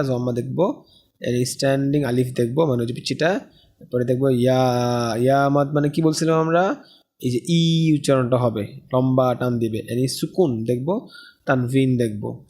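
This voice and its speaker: Husky man teaching a lesson. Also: mid-range voice, a little mellow. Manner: explains step by step with frequent checking questions. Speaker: Arabic teacher. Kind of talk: recorded lesson lecture.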